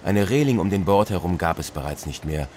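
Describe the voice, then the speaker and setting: A man's voice: deep voice, animated, a little fast, a little mellow, a little hiss or hum. A man narrating a sea adventure in the first person with a dramatic storyteller's delivery.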